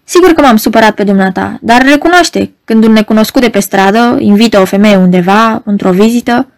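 A proud, troubled married woman , read by a woman narrator, urgent and pleading in a raised, fairly high voice. Her lines come across agitated and insistent in an audiobook scene. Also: close to an everyday voice. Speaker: audiobook reader.

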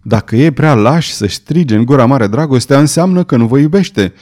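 A man's voice: medium pitch, expressive, a little mellow, close to an everyday voice. A man reading aloud, voicing a passionate young nobleman who pleads in an impassioned way. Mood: feverish.

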